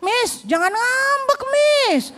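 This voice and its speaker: A woman's voice: lively intonation, slow, very noisy, full character voice. Woman doing a cheeky teenage schoolboy. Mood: teasing. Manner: high squealing teasing voice.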